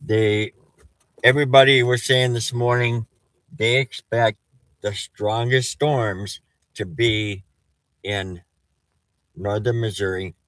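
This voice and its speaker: A man giving a casual, rambling weather update as a storm chaser, with a halting delivery and s sounds that whistle through false teeth. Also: on the low side, steady tone, fairly bright tone, no echo, rough recording.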